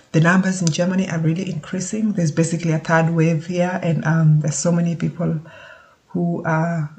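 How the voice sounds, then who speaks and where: Vlogger, flat even delivery, hesitant and reflective, casual talk to camera. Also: medium pitch. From Kenya. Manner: halting, thoughtful, searches for words. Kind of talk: casual spoken update.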